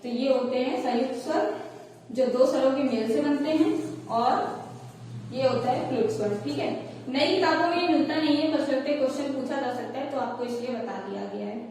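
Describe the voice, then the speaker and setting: A woman's voice: sits high, normal speed, a little mellow, a little hiss or hum. A woman teacher giving a lesson, explaining step by step and often checking that the class has followed. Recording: echoey room, voice from far off the mic.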